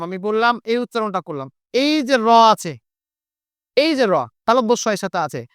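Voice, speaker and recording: A man's voice: sits high, fairly bright tone, clean tone, no room sound, studio quality. A Bengali teacher with a Chapainawabganj accent gives an online lesson. He repeats key points and asks and answers his own questions. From Chapainawabganj, Bangladesh.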